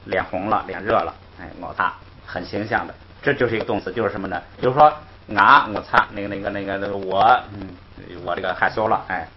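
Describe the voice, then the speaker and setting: A man teaching a grammar class, explaining patiently, repeating himself and chuckling softly between points. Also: on the low side. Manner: patient, repetitive, punctuates with "hey" and soft chuckles. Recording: dull lo-fi recording with faint noise.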